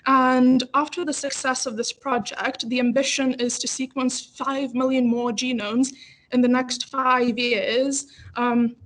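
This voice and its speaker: A woman's voice: high voice, flat delivery, measured pace, fairly bright tone. Young woman presenting over a group video call. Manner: hesitant, many fillers. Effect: heard over a group video call. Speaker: pre-registration pharmacist presenting a project. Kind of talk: project presentation in a webinar.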